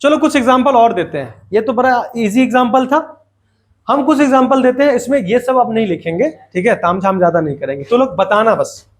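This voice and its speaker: A man's voice: extremely high pitch, a little fast. A man teaching a grammar lesson to students, repeating points and asking questions that he answers himself, with playful asides.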